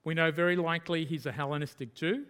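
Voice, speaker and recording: An Australian pastor with a voice a touch higher than most men's preaches an expository sermon fast, earnestly, and emphatically, hammering and repeating his key points for weight. His intonation stays fairly even, and his tone is clean and a bit bright.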